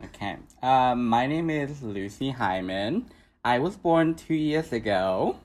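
A man's voice: mid-range voice, animated, slow, darkish tone. Young man from Vietnam, joking drag guest. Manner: joking, loose, filler-heavy. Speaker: podcast guest, drag performer. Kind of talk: casual chat.

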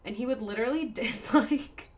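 A woman's voice: a little high, moderate pace. A woman in her twenties co-hosting a podcast, telling a story in casual chat, candid and laughing often. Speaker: podcast co-host.

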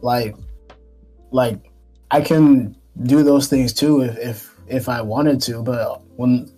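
A man's voice: medium pitch, steady tone, dark tone, breathy edge, soft background music, poor audio. A nineteen-year-old man co-hosting a podcast, talking casually with lots of fillers and restarts. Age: teens. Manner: halting, many fillers and restarts. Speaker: podcast co-host. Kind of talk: casual chat.

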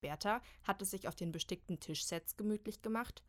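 A woman narrating a children's storybook with a lively, expressive reading. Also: mid-range voice, fairly quick.

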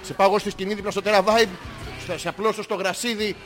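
A man's voice: high-pitched, steady tone. A man co-hosting a podcast, chatting casually in Greek with a lot of joking, laughter and swearing. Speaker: podcast co-host. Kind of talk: casual banter. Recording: music playing behind.

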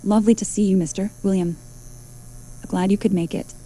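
A woman's voice: mid-range voice, fairly even intonation, fairly quick, mellow, slight background noise, natural voice. A woman playing a blunt, sarcastic robot. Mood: polite. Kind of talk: audio drama acting.

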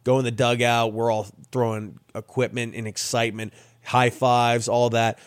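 Lively man telling a funny story. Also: medium pitch, moderate pace, clean tone, no room sound. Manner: lively, laughing storyteller who acts out quotes. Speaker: guest, professional baseball player. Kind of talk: casual storytelling.

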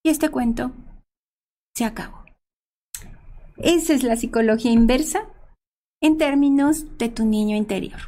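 A woman's voice: a little high, unhurried, long pauses. A woman telling a fairy tale in casual talk, asking her listener questions as she goes. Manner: lively storyteller with questions to the listener. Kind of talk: storytelling in casual chat.

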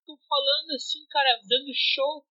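A blunt woman co-host chatting on a podcast, mocking freely and swearing often. Her voice is very bright and cutting. The recording is dry and slightly muffled. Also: high-pitched, fairly even intonation, moderate pace, no room sound. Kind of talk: casual podcast chat.

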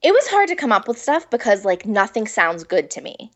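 Pregnant lady chatting as a guest, giggly, says like a lot, lively up-and-down voice. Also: medium pitch, brisk. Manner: chatty, giggly, lots of filler "like". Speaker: guest, food blogger. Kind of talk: casual interview chat.

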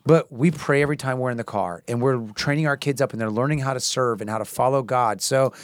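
A man's voice: medium pitch, quick pace, dry recording. Earnest man in his forties, dry sound. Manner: earnest, warm encouragement with many "yeah"s. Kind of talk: faith-based casual chat.

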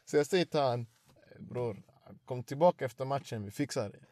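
A young man, telling an animated story in casual slangy chat and acting out the quotes. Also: mid-range voice.

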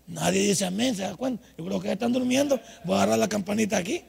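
An older man preaching a humorous, scolding sermon at a night vigil, with sudden loud outbursts. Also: sits high, fast talker, big-room sound, a little hiss or hum. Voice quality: raspy, gravelly. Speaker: pastor.

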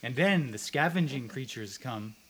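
An actor plays a young camper with a morbid streak. He tells grim details in a hushed, deadpan voice. This is film drama dialogue. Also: mid-range voice, normal speed, a little hiss or hum, natural voice. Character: young man camper, morbid quiet storyteller.

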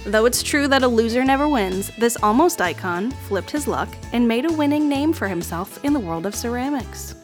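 Deadpan woman reading a mock biography. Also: on the high side, normal speed, hardly any pauses, soft background music. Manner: deadpan, delivers absurd facts straight. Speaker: podcast host.

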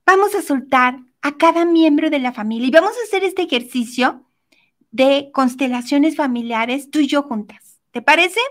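A woman giving a motivational self-help talk, speaking gently and directly to the listener. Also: high voice, normal speed.

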